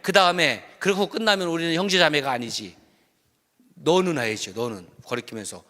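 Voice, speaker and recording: A man's voice: a little high, a little fast, sharp tone. A man preaching as senior pastor at a Friday service, playful and joking with the congregation as he leads them in reading aloud. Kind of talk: sermon at a Friday worship service. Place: church sanctuary. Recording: long reverb of a church hall.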